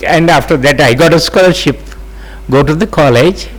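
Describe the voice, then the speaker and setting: An Indian-accented man in his eighties, whose native language is Sindhi, recounts his life story as an interview guest. His fairly high-pitched speech halts often, full of fillers and gentle chuckles, and the recording quality is low.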